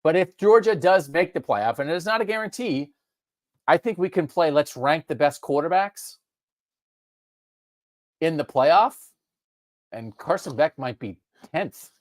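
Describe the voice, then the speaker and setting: Animated man talking college football. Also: measured pace, long pauses, no room sound, studio quality. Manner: animated, pitch jumping up on emphasis. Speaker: co-host. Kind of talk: casual sports talk.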